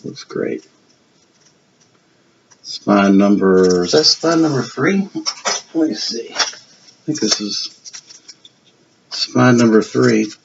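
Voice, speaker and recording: A man's voice: lowish voice, expressive, slow pace, gravelly, long pauses. A man in his fifties or sixties with a Southern US accent, chatting casually and rambling a little as he shows off his film collection. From Virginia, USA. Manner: chatty, rambling, self-deprecating. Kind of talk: casual show-and-tell vlog. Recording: dull lo-fi sound with faint hiss.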